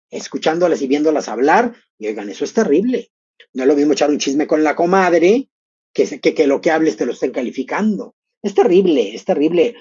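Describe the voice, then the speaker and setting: A middle-aged host chats expressively through live pageant commentary and speaks straight to the viewers. The voice sounds mellow and a little husky. It comes through dull, dry, lo-fi stream audio. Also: medium pitch, dry recording. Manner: expressive, chatty, addresses viewers directly.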